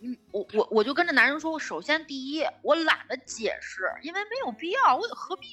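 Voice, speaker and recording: A woman co-hosting a casual podcast chat, telling a story in an animated, blunt way with some swearing. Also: sits high, fairly quick, soft background music. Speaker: podcast co-host.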